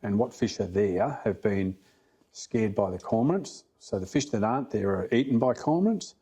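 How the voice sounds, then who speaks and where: Low, mellow Australian man, plain-spoken and blokey. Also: lively intonation, normal speed, husky. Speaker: fly fishing guide, interview guest. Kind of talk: casual podcast storytelling.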